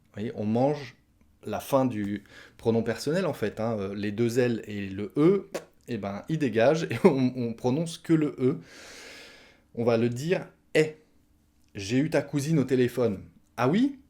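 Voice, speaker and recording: A man's voice: mid-range voice, unhurried, dark tone. A man teaching a casual online language lesson, acting out example questions with a sharply rising tone. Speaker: French teacher.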